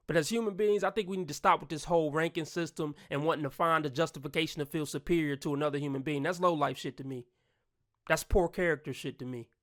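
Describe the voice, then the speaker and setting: Brief: male vlog host, slightly higher voice, blunt and profane, ranting opinions. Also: fairly even intonation, fairly quick, fairly bright tone. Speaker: channel host and commentator.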